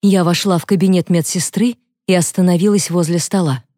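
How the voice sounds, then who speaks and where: A woman narrating a first-person audiobook thriller in a steady, expressive way. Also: on the low side, a little fast, no echo, clean studio sound.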